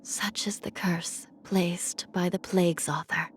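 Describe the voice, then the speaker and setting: Hanya, a soft, weary underworld judge. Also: female voice, fairly low pitch, steady tone, whispered. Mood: solemn, measured. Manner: measured, pensive, formal. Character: gentle, weary, melancholy young woman judge of the underworld. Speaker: video game voice actor. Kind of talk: scripted game character voice lines.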